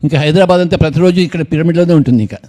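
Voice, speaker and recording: A man's voice: fairly high pitch, rapid-fire, warm tone. An older man, leading a meditation gathering and speaking informally, with joking, teasing asides to people in the crowd. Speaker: meditation movement leader.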